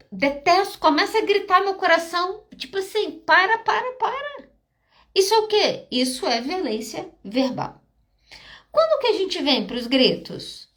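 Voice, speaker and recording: Her voice is very high-pitched and a bit bright. She's a Brazilian psychologist with a Brazilian Portuguese accent, hosting a live podcast where she takes audience questions, direct and emphatic and punctuating her points with brief check-ins to listeners.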